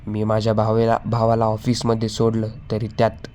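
A man reading the lines of a hot-tempered adult brother in a flat, read-out way. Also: on the low side, normal speed, slight background noise, natural voice.

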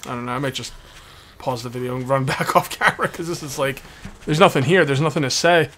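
The host of a video game let's play series talks fast in a medium-pitched, slightly bright voice. His gameplay commentary is casual and meandering; he repeats himself and speaks with a sore tongue he has bitten. Game ambience is audible in the background as noise.

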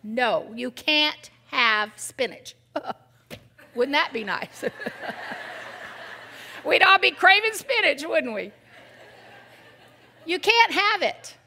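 An older woman's high, gravelly voice leads a humorous, animated sermon at a women's event where she's the guest speaker. Speaking very slowly and pausing often, she shifts from loud outbursts to near-whispers and frequently poses questions to the listeners.

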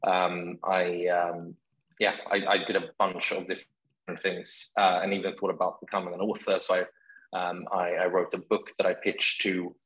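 A man in his forties from Sweden, a guest on a video-call interview, speaking in a relaxed way with many ums. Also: low-pitched, normal speed, rough recording. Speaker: guest, startup founder.

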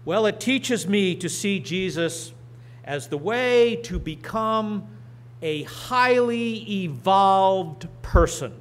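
A middle-aged man preaching and reading scripture from a church lectern, slow and deliberate with emphatic rises. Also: high-pitched, lively intonation. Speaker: pastor. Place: church sanctuary. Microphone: lectern microphone.

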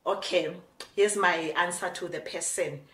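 A woman's voice: on the low side, steady tone, unhurried, fairly bright tone. A woman in her forties with a South African Xhosa accent, chatting frankly to camera in a casual vlog and mixing in Xhosa phrases. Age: 40s. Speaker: vlogger. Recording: echoey room with faint music.

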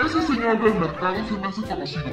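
A woman's voice: medium pitch, sing-song, fast, lightly acted. A woman playing someone whose voice was magically changed, flustered and exclaiming, adding "eh?" often. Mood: puzzled. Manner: flustered, exclaiming, many tag "¿eh?". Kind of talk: children's show acting. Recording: echoey room with music.

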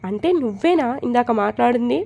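A woman voicing a feisty, sharp-tongued young woman in a storybook reading, sassy and defiant. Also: fairly high pitch, lively intonation, fast talker, creaky.

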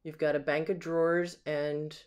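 Here the agent sounds flat and smooth, slightly mellow, at medium pitch and an ordinary speed. It's an informal, unrehearsed walkthrough of a vacant house's rooms, shot handheld, with each item admired and described as it comes up.

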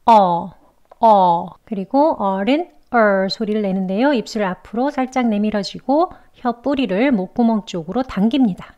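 A woman teaching English pronunciation, explaining mouth and tongue positions clearly and patiently, step by step. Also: a little high, normal speed, hardly any pauses, a little mellow, muffled recording. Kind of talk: instructional lesson narration.

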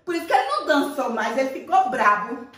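A woman's voice: sits high, sing-song, fast, a bit bright. A Brazilian woman teacher giving a playful, affectionate lesson to young children. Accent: Brazilian Portuguese. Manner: playful, affectionate, sing-song teacher talk. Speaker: primary school teacher. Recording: echoey room, voice a bit far from the mic.

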